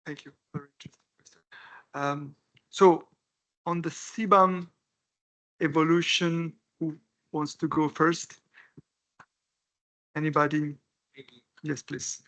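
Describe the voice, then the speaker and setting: A man's voice: fairly high pitch, steady tone, fairly bright tone. A man moderating a conference panel, polite and chatty with some hesitations. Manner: polite, chatty, a bit halting.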